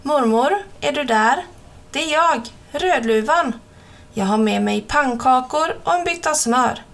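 Woman doing a trusting little girl. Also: lively intonation. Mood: friendly. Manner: friendly, wide-eyed and raised in pitch. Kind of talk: storybook reading.

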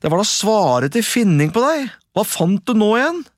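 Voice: medium pitch, big pitch swings, no room sound, clean studio sound, voice pushed up, natural voice. A storyteller voicing two scornful older brothers in a folk tale, scolding and dismissive. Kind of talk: storybook reading.

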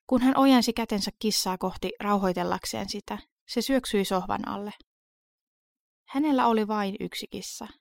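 Woman narrator, horror story reading; gravelly, dry close sound, steady pacing. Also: mid-range voice, no echo.

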